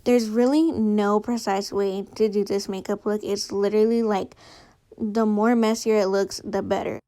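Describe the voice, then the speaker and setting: A woman's voice: medium pitch, steady tone, moderate pace, mellow. A woman with a noticeable lisp from a retainer, narrating a makeup tutorial in a casual, chatty, informal way. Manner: chatty, informal, girlfriend-to-viewer talk.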